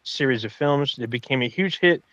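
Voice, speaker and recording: A man co-hosting a podcast, giving a casual tribute from notes in a halting way, with pauses mid-sentence. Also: mid-range voice, fairly bright tone, no echo. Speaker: podcast co-host. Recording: dry, slightly dull lo-fi mic.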